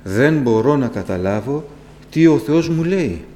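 A male preacher delivers a sermon in a church hall, speaking with passion and lifting his voice sharply as he presses a point. He turns to the congregation with rhetorical questions, his pitch sitting in an ordinary middle range for a man. The recording carries a long reverb and a faint hum underneath. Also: expressive, mellow. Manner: impassioned, with sudden rises in pitch and volume; asks rhetorical questions and addresses the congregation directly.

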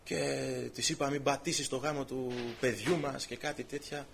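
A man preaching a sermon, retelling conversations and scripture in dramatic storytelling, swinging from soft to loud. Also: mid-range voice, steady tone, slight background noise.

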